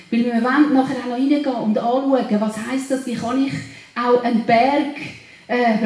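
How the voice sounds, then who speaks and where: Woman preacher, exhorting sermon, mellow tone, heavily echoing room. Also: fairly high pitch. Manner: exhorting, rising to louder declarations. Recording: very echoey room.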